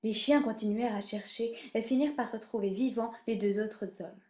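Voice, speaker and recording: A woman's voice: a little high, moderate pace, a little mellow. Woman reading a storybook aloud.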